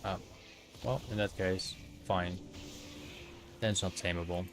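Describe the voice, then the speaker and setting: A Dutch man streams a game, chatting casually with viewers and thinking out loud with lots of fillers and restarts. His voice sits low, with fairly even intonation and an unhurried pace.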